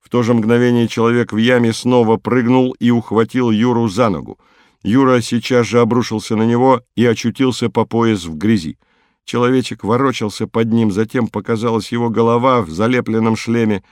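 A man narrating an audiobook in a measured, even reading. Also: mid-range voice, no echo, clean studio sound. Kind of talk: scripted narration.

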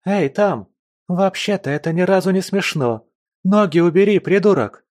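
A man voicing a furious, foul-mouthed young woman who is stuck and yelling in an audiobook. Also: sits high, lively intonation, normal speed, voice pushed up. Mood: outraged. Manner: swearing, yelling.

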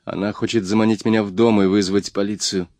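A man's voice: lowish voice, little pitch movement, fast, a little mellow, no room sound, studio quality, lightly acted. A man reading the lines of a shy, hapless young man who stumbles over his words in an audiobook. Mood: sheepish. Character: timid, hapless young man posing as a robber.

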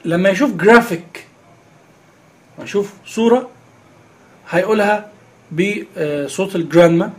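A man's voice: high voice, normal speed, long pauses, darkish tone. A man with an Egyptian Arabic accent explaining a screen reader step by step, with many filler sounds. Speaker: instructor.

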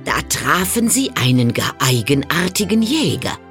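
A woman reads a fairy tale aloud in a low voice, taking her time with each sentence. Her pitch moves a lot as she tells the story. Soft music sits faintly underneath. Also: a little slow. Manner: calm, expressive storytelling. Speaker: narrator.

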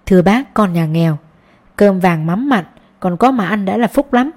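A woman's voice: medium pitch, animated, moderate pace, darkish tone, close to an everyday voice. A woman voicing a poor, humble mother in a storybook reading, speaking politely and deferentially.

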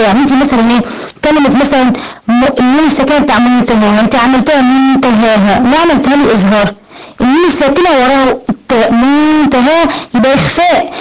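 An Egyptian woman teaching Quran recitation, giving quick, encouraging corrections and slowly drawing out example words. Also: high voice, a little hiss or hum, low-quality recording. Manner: quick, encouraging corrections with slow drawn-out demonstrations. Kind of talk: online recitation lesson, correcting a student.

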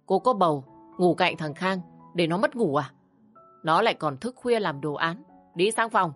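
A woman's voice: on the low side, animated, moderate pace, fairly bright tone, soft background music. A woman voicing a bossy, contemptuous older mother-in-law who scolds and sneers. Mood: scolding.

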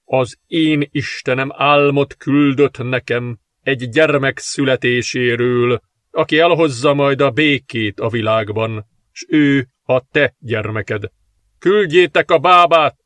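Solemn earnest priest read by a man, even medium voice, dry close audiobook sound. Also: mid-range voice, no echo, close to an everyday voice. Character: devoted old priest, gentle.

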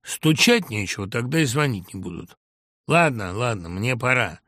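A calm, wry man who answers in short, dry lines and a quietly mocking tone, as a man voices him in an audiobook. His voice stays low and steady. The sound is close and dry. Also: normal speed, dry recording. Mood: dry terse. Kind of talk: audiobook reading.

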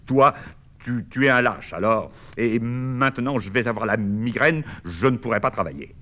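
A man's voice: mid-range voice, normal speed, a bit bright, lightly acted. A man reading a play aloud, voicing a gangly sixteen-year-old boy who stutters slightly and protests in a whiny, indignant way.

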